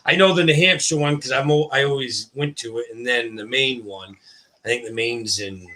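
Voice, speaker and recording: A man's voice: medium pitch, moderate pace, pushed and bright. A man chatting casually and colloquially on a livestream, rambling and restarting, pronouncing his R's as W's. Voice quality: cannot pronounce R, says w for r. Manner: rambling, colloquial, self-interrupting. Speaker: guest, ball python breeder.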